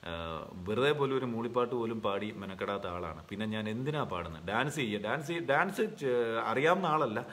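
A young man on a live stream, reading fan comments aloud and answering them in a relaxed, chatty way with many fillers, from his home. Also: on the low side. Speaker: serial actor answering fan questions.

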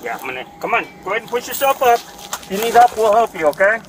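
In an aircraft cabin, a male police officer informally walks a detainee through each step, questioning him and checking that he agrees. His voice sits high, with big pitch swings and a quick pace. The body-worn camera captures noisy cabin audio.

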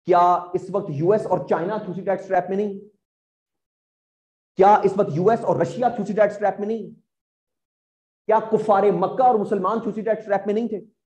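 A man's voice: sits high, fairly even intonation, fairly quick, pauses often, darkish tone. A man with a Pakistani Urdu accent lecturing exam students as a teacher, asking rhetorical questions and often checking whether they follow.

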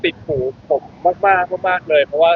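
A man's voice: high voice, fairly even intonation, normal speed. A young man from a band, chatting animatedly in an interview. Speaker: band member guest. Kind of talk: casual interview answers. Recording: muffled event recording, faint noise.

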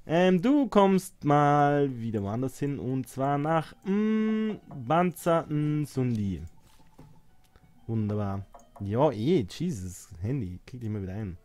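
A man's voice: mid-range voice, expressive, slow, a little mellow. A young man casually commenting on his strategy game, sarcastic and chatty, talking to his units and muttering at distractions. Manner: chatty, sarcastic, talks to game units and phone, mixes English swears. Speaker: let's play host.

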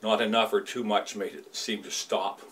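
A Canadian man in his fifties, a lighthouse keeper's son, calmly explaining and reminiscing in a small indoor room. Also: fairly low pitch. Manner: measured, explanatory. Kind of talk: casual demonstration and reminiscence.

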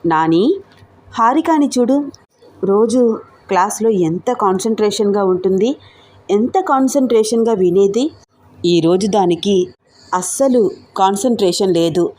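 A woman's voice: medium pitch, lively intonation, measured pace, pauses often, darkish tone. Chatty gossiping college girl in a storybook romance, voiced by the storyteller. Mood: gossipy. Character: young woman student, gossipy friend.

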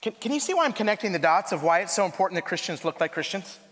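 A man from Idaho preaching a storytelling sermon as a missionary, talking in an animated, conversational way and firing off rhetorical questions. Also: high voice, rapid-fire. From Idaho, USA. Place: church sanctuary. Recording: long church reverb.

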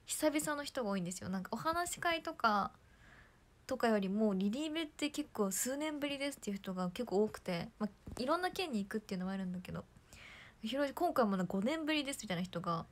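A young woman with a hoarse throat chatting casually on a livestream, bubbly and chatty, often dropping to soft near-whispers. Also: on the high side. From Japan. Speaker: idol livestreamer.

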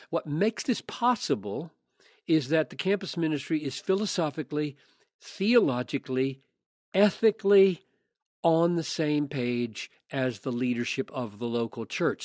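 An older man speaks as a pastor answering a listener. He talks in a measured, earnest way and often restarts his phrases. His voice sits a bit high and sounds dry and close to the mic. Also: a little mellow, no echo. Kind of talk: thoughtful podcast answer.

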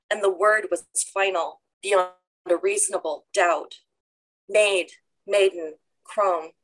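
A middle-aged woman gives a measured, deliberate poetry reading. She speaks over a video call from a book-lined room at home, with a voice pitched around the middle for a woman. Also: fairly bright tone, poor audio. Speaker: poet reading her work.

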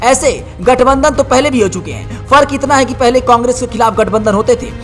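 A woman's voice: fairly high pitch, brisk, soft background music. A woman narrating a scripted news report as a voice-over, with an emphatic, dramatic headline delivery.

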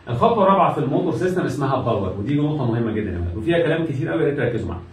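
A man's voice: medium pitch, big pitch swings, very fast, distant mic. An Egyptian man gives a classroom lecture at a breakneck pace, hammering points home by repeating them and acting out the exam steps. He stands away from the mic. The room rings with echo. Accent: Egyptian Arabic. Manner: repetitive, drilling students, acts out exam steps. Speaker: medical lecturer. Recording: echoey room, speaker off-mic.

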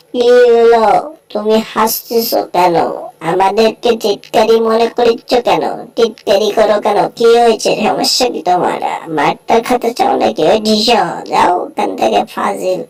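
A woman voicing a bossy male cartoon bulldog in a comic fan dub, scolding and threatening in a lowered voice. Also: unhurried, a little mellow, rough recording.

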